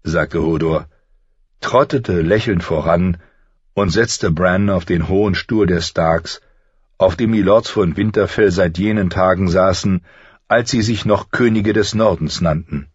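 A man reading a story aloud as an audiobook narrator, in a measured, expressive way. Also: low-pitched, husky, no echo. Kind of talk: scripted narration. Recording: slightly dull audio.

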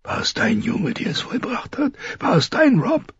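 A man voicing a frail, dying old lord who speaks in a thin, trembling whisper with halting, wandering sentences, in an audiobook reading. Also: high voice, wildly swooping pitch, fairly bright tone, husky, no echo, highs cut off, pitched above the performer's own voice, full character voice. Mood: wistful.

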